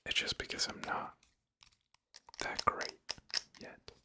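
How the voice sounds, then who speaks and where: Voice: slow, pushed and bright. A person whispering close to the ear in a hesitant, rambling ASMR style. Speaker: ASMR creator. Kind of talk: whispered ASMR ramble about drawing tools. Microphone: close ear-to-ear microphone.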